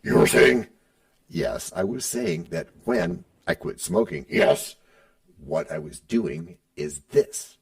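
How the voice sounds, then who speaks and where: Playful gravelly-voiced male podcast host. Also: low-pitched, huge pitch swings, takes it slowly, distant mic. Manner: playful, switching between his own voice and a sidekick. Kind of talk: scripted comedic banter with himself.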